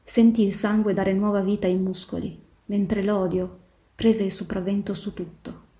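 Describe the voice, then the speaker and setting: Mellow-voiced woman reading a novel aloud. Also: mid-range voice. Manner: measured, steady reading that slows on tense passages. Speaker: volunteer reader in a reading marathon. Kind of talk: literary read-aloud narration.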